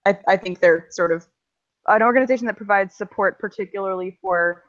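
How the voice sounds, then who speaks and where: A woman's voice: medium pitch, a little fast. A woman co-hosting a casual chat podcast, explaining things at length with lots of ums. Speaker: podcast co-host. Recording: slightly dull lo-fi recording.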